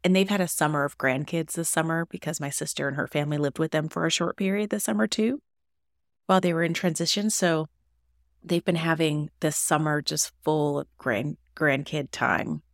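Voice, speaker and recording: A woman in her forties co-hosts a casual podcast chat, with a slightly low voice recorded close and dry. She is supportive, often chiming in with short agreements. Her longer turns come out relaxed and conversational. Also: moderate pace, dry recording. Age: 40s. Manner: supportive, chimes in with short affirmations. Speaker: podcast co-host.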